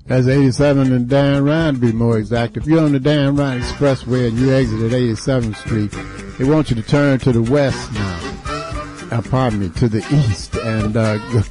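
A man, co-hosting a talk show and reading ads in a steady, precise way. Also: medium pitch. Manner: steady, precise, self-correcting. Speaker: co-host.

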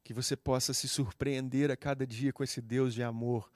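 A man's voice: medium pitch, little pitch movement, normal speed, a little mellow, dry recording. Earnest Brazilian preacher man, dry sound. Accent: Brazilian Portuguese. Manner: earnest, heartfelt storytelling. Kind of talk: sermon with personal testimony.

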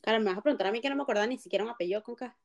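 A woman's voice: fairly high pitch, racing, vocal fry. A young woman with a Venezuelan accent, chatting casually and teasing her friend during a word game. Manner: teasing, laughs often.

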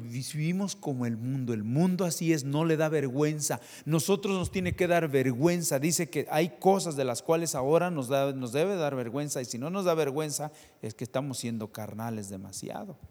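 A male preacher delivering a sermon to his congregation, firing rhetorical questions at them and swinging between soft, low passages and loud, rising ones. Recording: long reverb of a hall.

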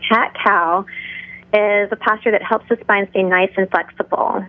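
A middle-aged woman talks in a calm, measured teaching manner. Her voice sits at an ordinary pitch and comes through thin and tinny, like a telephone, with very little room around it. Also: dry recording. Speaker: yoga instructor, interview guest. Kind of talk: interview talk with guided breathing and pose instruction. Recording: tinny narrow phone-like line.

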